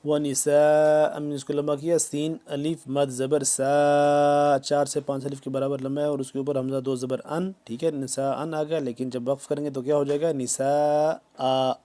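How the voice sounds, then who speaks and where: A man teaching Quran recitation, drawing each verse out slowly, then explaining pronunciation rules in quick plain speech. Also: fairly high pitch, level tone, warm tone. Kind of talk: tajweed lesson, slow word-by-word recitation.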